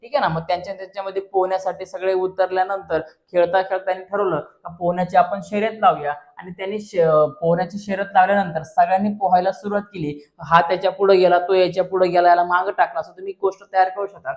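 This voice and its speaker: A man's voice: high-pitched, flat delivery, fast talker, few pauses. A man teacher with a Marathi accent explaining an exam paper step by step, repeatedly asking and answering his own questions. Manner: repeats questions back, addresses friends.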